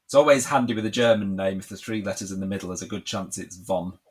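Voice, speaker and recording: A man's voice: sits low, quick pace, a crowd in the background. A man co-hosting a casual live quiz lesson as a tutor, light-hearted and encouraging.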